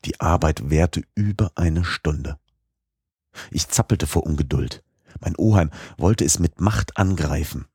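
A man narrating a classic novel as an audiobook in a measured, steady manner. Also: very deep voice, breathy edge, no room sound, studio quality.

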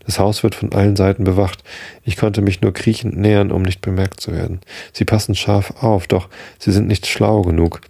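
A man's voice: deep voice, level tone, normal speed, creaky, mellow, husky, dry recording, clean studio sound, exaggerated voice. A man voicing a grim, determined young frontier hunter in a storybook reading, speaking firmly and urgently. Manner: firm, urgent.

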